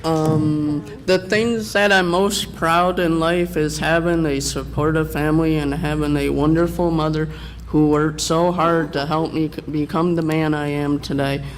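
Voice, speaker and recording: A man in his twenties speaks earnestly and from the heart as a panelist. A crowd murmurs behind him. Loud background noise fills the conference hall. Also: fairly high pitch, fairly even intonation, measured pace.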